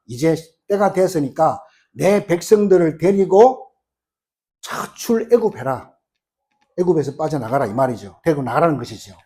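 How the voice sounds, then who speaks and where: A middle-aged male pastor preaching a sermon, telling the story with lively acted-out dialogue. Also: fairly high pitch. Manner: animated storytelling, acting out the quoted lines.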